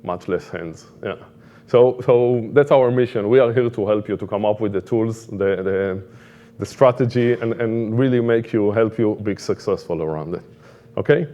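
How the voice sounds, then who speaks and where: Speaking informally at a conference, a middle-aged Israeli product management director gropes through his phrases with an Israeli accent, halting, repeating himself and using plenty of fillers. His voice is mellow and fairly low in pitch, captured in lo-fi sound.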